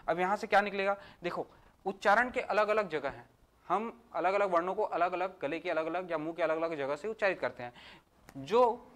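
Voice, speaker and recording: A man's voice: sits high, fairly bright tone. Man drilling letters as a teacher. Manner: asks questions and answers them himself, drilling by repetition; sounds out letters slowly one by one. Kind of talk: exam-prep Hindi grammar lesson.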